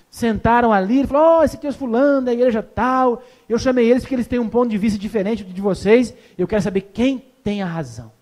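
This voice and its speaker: A man's voice: very high voice, darkish tone. A man preaching an evangelistic sermon as a pastor. He tells a story, acts out the dialogue and keeps asking the congregation questions.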